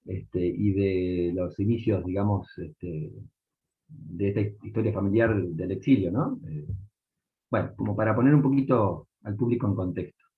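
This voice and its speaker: A man's voice: fairly low pitch, moderate pace, narrow, tinny audio. A man, a playwright, explaining his play hesitantly with fillers and then reading from it. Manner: hesitant, with many filler words. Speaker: playwright and performer.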